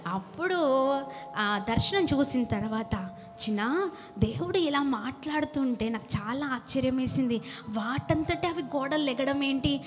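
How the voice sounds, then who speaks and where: A woman preacher giving a fervent sermon and leading prayer, calling out to her congregation and dropping at times to a hushed voice. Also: sits high, lively intonation, unhurried. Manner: fervent, calls out to the congregation, swings from loud to hushed. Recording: music playing under the voice. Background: music in the background.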